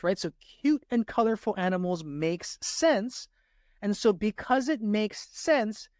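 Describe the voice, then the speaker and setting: A man's voice: sits high, no echo, studio quality. Upbeat man teaching grammar to students. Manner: talks straight to viewers with frequent "right?" checks. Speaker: SAT prep teacher.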